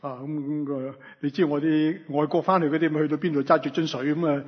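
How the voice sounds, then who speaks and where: A man's voice: on the high side, fairly even intonation, fast, husky. A man with a Hong Kong Cantonese accent preaching in short phrases for an interpreter, colloquial and full of rhetorical questions. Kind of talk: sermon delivered phrase by phrase for an interpreter. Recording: dull, reverberant hall sound.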